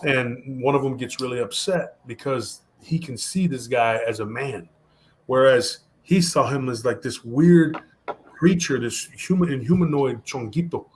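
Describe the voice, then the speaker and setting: A man telling a story on a podcast in a casual, animated way, mixing Spanish slang into his talk. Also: mid-range voice, unhurried, a little hiss or hum. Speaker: podcast guest.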